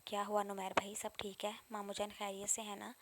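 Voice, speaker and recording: A woman's voice: medium pitch, monotone, background noise, close to an everyday voice. A woman narrator voicing a worried young woman college student who asks anxious questions.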